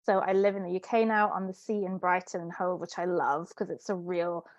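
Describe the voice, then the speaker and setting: A woman's voice: fairly low pitch, steady tone, brisk, dry recording, lo-fi sound. Earnest woman guest telling her story. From Italy. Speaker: guest, life coach. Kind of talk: interview conversation.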